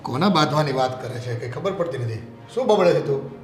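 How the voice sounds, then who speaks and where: A man's voice: medium pitch, lively intonation, brisk, soft background music, natural voice. An older man playing a grumbling father-in-law who speaks in folk proverbs. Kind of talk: family drama acting. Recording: echoey room.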